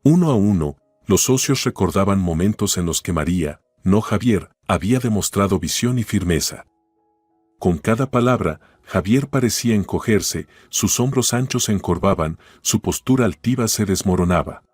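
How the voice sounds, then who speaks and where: A very deep, husky man's voice tells the story in a calm, steady way. The recording is dry and close, with soft music playing faintly underneath. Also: moderate pace, dry recording. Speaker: narrator. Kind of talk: scripted storytelling narration.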